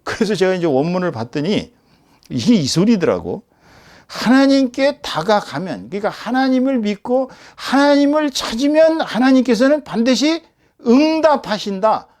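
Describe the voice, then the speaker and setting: Pastor, man, higher voice, conversational Sunday preaching, lively, quizzes the congregation. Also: moderate pace. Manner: lively, acts out everyday examples. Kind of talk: Sunday sermon.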